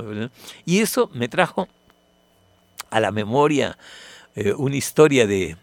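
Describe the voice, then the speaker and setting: A man's voice: fairly high pitch, vocal fry, no room sound. A man on the radio, telling a devotional story in a reflective way and repeating words for emphasis.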